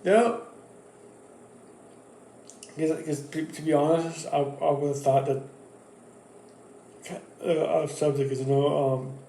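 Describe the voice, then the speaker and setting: A man talks through his wrestling picks in a casual, rambling monologue, stopping and restarting his sentences often. His voice is mellow and dark. The recording has a roomy echo with a faint background hum. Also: fairly high pitch, steady tone, takes it slowly, gravelly, pauses often. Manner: rambling, with many fillers and restarts. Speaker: wrestling channel host. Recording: echoey room.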